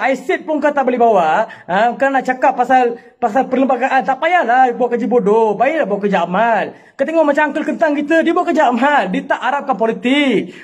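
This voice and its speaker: A Malaysian man delivering an angry, confrontational video rant, scolding and firing rhetorical questions. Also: extremely high pitch. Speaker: social media commentator.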